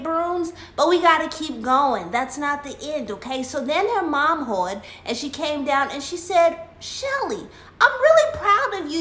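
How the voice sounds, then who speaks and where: A woman telling a children's story in a casual way, acting out the characters' lines and the dog's barks. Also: high-pitched. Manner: animated, acts out lines and dog barks. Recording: echoey room with faint noise.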